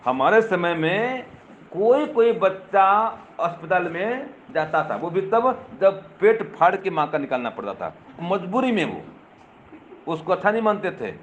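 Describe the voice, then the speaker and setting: A man's voice: high-pitched, a little hiss or hum. An older man delivering a teaching sermon to a live audience. He keeps asking rhetorical questions and speaks to listeners directly. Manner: addresses listeners directly, teasing. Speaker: swami. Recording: dull lo-fi recording with faint ambience.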